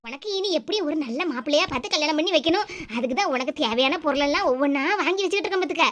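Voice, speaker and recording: A woman voicing a doting, fussy middle-aged mother in an animated cartoon, coaxing her daughter with a Kanyakumari Tamil accent. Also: high voice, rapid-fire, slight background noise.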